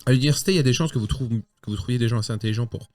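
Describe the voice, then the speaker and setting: Young male game master, casual and joking, mid-pitched voice. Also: racing, a little mellow. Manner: casual, joking, switches between narration and voicing characters. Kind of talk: narrating a tabletop game.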